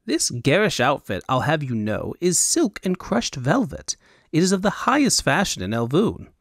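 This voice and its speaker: A flamboyant, excitable male noble, as a narrator voices him, speaks in a high, affected fantasy accent that leaps up and down in pitch. He chatters on in a fussy, offended way, recorded dry and close like an audiobook. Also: moderate pace, no echo, heavily acted. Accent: high Elvunian fantasy accent.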